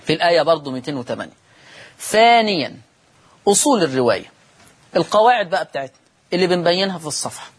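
A man with an Egyptian Arabic accent teaching Quran recitation on TV, repeating words slowly and quizzing his listeners with questions. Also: high voice, slightly rough. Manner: repeats words slowly for drilling, asks the class rhetorical questions. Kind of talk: televised recitation lesson. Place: TV studio.

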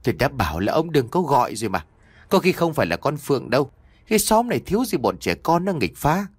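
A man voicing an elderly countryside wife who scolds her husband in a hurried, fussing way. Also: medium pitch, sing-song, husky, dry recording. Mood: scolding. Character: flustered elderly wife of village head.

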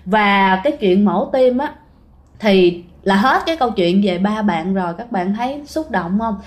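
A woman's voice: medium pitch, moderate pace. A woman telling ghost stories in a chatty way, often speaking straight to her listeners. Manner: chatty, keeps addressing listeners directly. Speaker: ghost story narrator. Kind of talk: casual spoken storytelling.

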